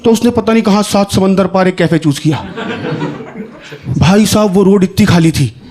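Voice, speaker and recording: A young man doing stand-up comedy, telling an animated, conversational story with asides to the audience on a stage. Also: high-pitched, moderate pace. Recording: live show with crowd laughing. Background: audience laughter.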